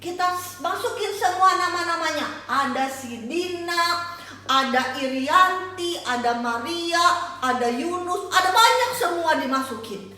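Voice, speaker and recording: A woman voicing a crowd of frightened sailors in a children's Bible story, shrill and excited. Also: a little slow, heavy reverb, heavily acted. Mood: busy.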